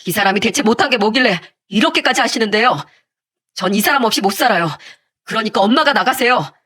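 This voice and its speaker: A woman's voice: a little high, lively intonation, fast, a bit bright, slightly rough. Woman doing a earnest, pleading husband. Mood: angry. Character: devoted husband, earnest middle-aged man. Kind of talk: storybook narration with acted voices.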